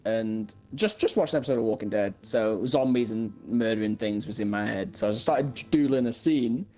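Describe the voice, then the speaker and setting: A man's voice: lowish voice, normal speed, a little mellow. Rambling young man telling a story. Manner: rambling, stammering with many restarts and mock-quoted dialogue. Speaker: podcast co-host. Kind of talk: casual comedic storytelling.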